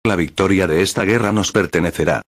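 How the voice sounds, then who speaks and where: A man reading a calm, serious ninja captain. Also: deep voice, fairly quick, dry recording, clean studio sound.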